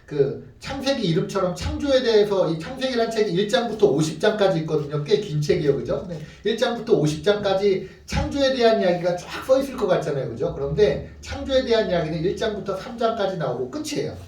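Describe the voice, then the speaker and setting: A man's voice: high-pitched, fast, hardly any pauses, echoey room, distant mic. A middle-aged man from Korea preaching a sermon as a pastor, telling stories and asking the congregation questions. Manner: animated storytelling, asks the congregation questions.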